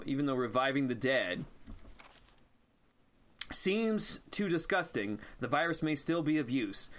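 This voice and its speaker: A man's voice: mid-range voice, fairly bright tone. Giggly man reading game text. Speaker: let's play host. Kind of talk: casual gameplay commentary.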